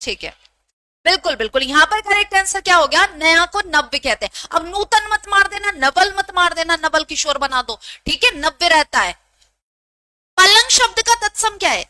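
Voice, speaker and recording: A woman with a very high, bright voice runs a live online exam-prep class, brisk and teasingly scolding as she repeats every question. The sound is close and dry, with no room around it. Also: lively intonation, dry recording. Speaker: Hindi teacher.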